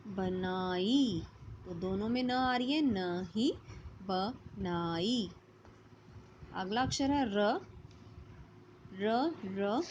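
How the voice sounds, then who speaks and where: A woman's voice: fairly high pitch, darkish tone, a little hiss or hum. A woman teacher going through a workbook lesson, patiently sounding out letters and words. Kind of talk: online class lesson. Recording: slightly dull lo-fi audio.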